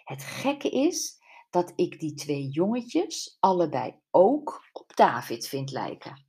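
A woman's voice: fairly low pitch, very animated, slow, dark tone, husky, exaggerated voice. A woman reading a playful best friend. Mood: musing.

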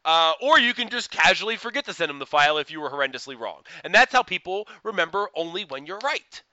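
A man's voice: a little high, very animated, fast, sharp tone, dry recording, highs cut off. A man co-hosting a casual podcast, rambling with lots of fillers and frequent laughs. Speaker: podcast co-host.

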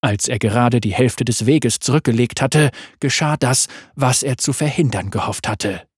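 A man narrating a fantasy story aloud in a steady reading voice. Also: medium pitch, moderate pace, husky, no echo, clean studio sound.

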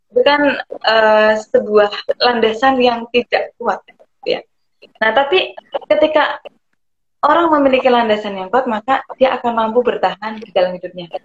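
A woman who explains things conversationally and pauses often to search for words. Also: mid-range voice, a little hiss or hum. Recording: roomy, dull lo-fi sound.

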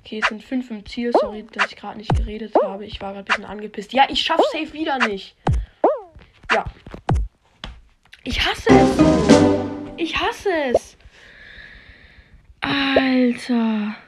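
A woman hosting a podcast while playing a video game, commenting casually and swearing, recorded on a low-quality phone microphone. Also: expressive, measured pace, long pauses, over loud music. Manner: slangy, swears, talks to herself and her listeners.

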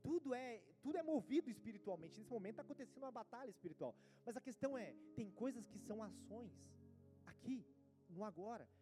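A man with a Brazilian Portuguese accent preaching a sermon. He swings between loud emphatic bursts and quiet asides, acting out the voices he quotes. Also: very high voice, animated, fast, music in the background. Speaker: pastor.

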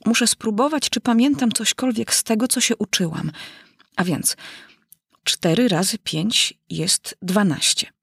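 Casting: a woman as a fretful little storybook girl, husky voice, sighing and wondering aloud. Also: on the high side, a bit bright, no room sound, studio quality, voice pushed up, heavily acted. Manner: wondering aloud, dramatic sighs. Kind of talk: storybook reading.

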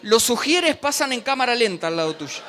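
A man's voice: very high voice, a little fast, heavy background noise. A man preaching a sermon in a church, joking and speaking straight to the congregation. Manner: animated, joking preacher addressing the congregation directly.

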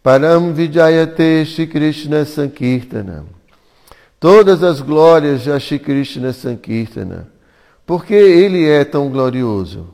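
A man's voice: fairly high pitch, expressive, takes it slowly, vocal fry, a little mellow, big-room sound. A Brazilian Portuguese-speaking man reading scripture commentary aloud at a devotional class, chanting Sanskrit verses in a singsong. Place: community hall at an ecovillage.

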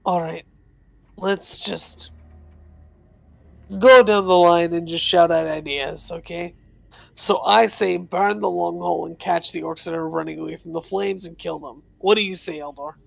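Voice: medium pitch, steady tone, measured pace, gravelly, dry recording. A player in a tabletop game casually leading the group through ideas. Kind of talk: tabletop game chat over a call.

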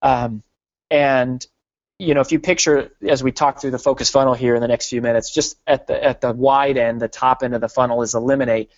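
A man guest on a podcast, explaining his ideas with an energetic, earnest storytelling manner and frequent restarts. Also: medium pitch, a little fast, no room sound. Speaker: podcast guest, business author and consultancy co-founder. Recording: dry, slightly dull podcast audio.

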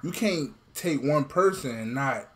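A man in casual group chat, animated, repeating himself as he pushes to get a point in. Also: medium pitch, a little slow, a crowd in the background.

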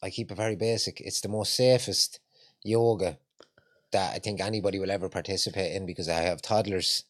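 A man's voice: low-pitched, fairly even intonation, fairly quick. A man from Longford in Ireland with an Irish accent that has some Dublin in it, chatting casually in colloquial Irish phrases as a yoga instructor being interviewed. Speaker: yoga instructor, podcast guest. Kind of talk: casual chat.

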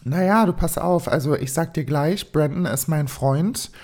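A woman's voice: deep voice, moderate pace, a little mellow. Woman doing a cold possessive teen girl.

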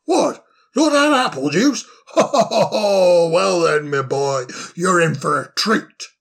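Man voicing jolly old owl doctor, fussing, chuckling, gravelly, a bit high. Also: animated, takes it slowly, fairly bright tone, heavily acted. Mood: cheerful. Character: jolly plump older male owl doctor.

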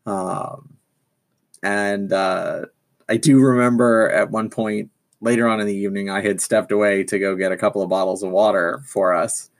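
Guy with a gravelly lowish voice rambling excitedly about his costume stuff. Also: normal speed. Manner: enthusiastic rambling storyteller. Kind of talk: casual chat.

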